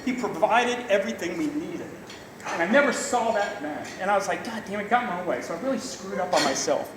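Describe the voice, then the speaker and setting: High-voiced father giving an echoey wedding speech. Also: lively intonation. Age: middle-aged. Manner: emotional, halting, plain-spoken, salty and folksy. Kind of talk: informal father of the bride speech to a room. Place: large reverberant reception room indoors. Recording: echoey hall, distant mic, noisy room.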